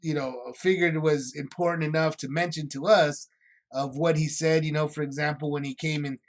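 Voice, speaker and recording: A man's voice: on the high side, level tone, normal speed. A man leading a Bible study, retelling the story in a loose, rambling way with many asides. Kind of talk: casual Bible teaching.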